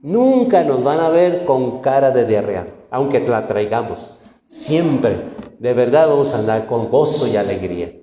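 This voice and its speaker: A male pastor, preaching a sermon in a conversational, animated way, full of rhetorical questions. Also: mid-range voice, a little slow, dull audio. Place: church hall. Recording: echoey hall with long reverb.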